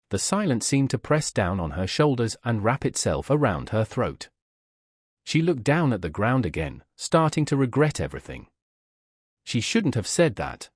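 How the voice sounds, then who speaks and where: Husky man reading romance fanfiction. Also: mid-range voice, a little mellow, no echo, studio quality. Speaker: fanfiction reader. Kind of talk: scripted story narration.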